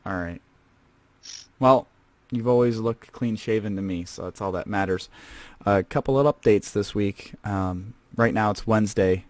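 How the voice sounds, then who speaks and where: With a steady tone and moderate pace, a man whose voice sits on the low side hosts a comedy podcast as a scavenger character. His natural-sounding talk is chatty, rambling and casual, loaded with fillers, and there's no echo.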